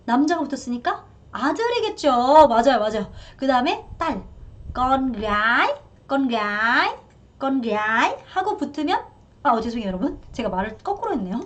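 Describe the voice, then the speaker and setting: A woman with a fairly high, very animated voice teaches a beginner's language lesson. She drills each word slowly several times and laughs at her own small slips. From Korea. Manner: lively, drills words in slow repetition.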